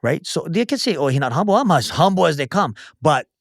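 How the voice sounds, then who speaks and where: A man's voice: fairly high pitch, big pitch swings, fast, no room sound, studio quality. A man in his forties from Hawaii with a Hawaiian Pidgin-tinged accent, speaking as a guest in a casual podcast conversation in a blunt, emphatic, profane way. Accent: Hawaiian Pidgin-tinged English. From Oahu, Hawaii. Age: 40s. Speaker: guest chef and entrepreneur.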